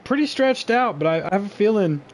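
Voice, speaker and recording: A man doing live play-by-play commentary on a sim race, joking and switching quickly between calling the action and banter with his co-host. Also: sits high, expressive, a little hiss or hum.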